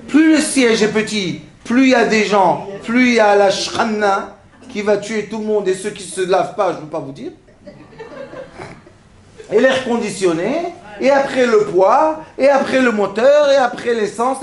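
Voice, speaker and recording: A man teaching a religious lesson to an audience, acting out little everyday scenes with animated, laughing delivery. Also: sits high, a little slow, echoey room. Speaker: rabbi teaching a class. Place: classroom.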